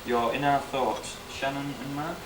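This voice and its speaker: A man's voice: medium pitch, fairly even intonation, unhurried. Hesitant man, echoey noisy room. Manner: hesitant, self-deprecating, informal. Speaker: best man giving a wedding speech. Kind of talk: unscripted speech, reading out greeting cards. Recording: echoey room, distant mic, noisy background.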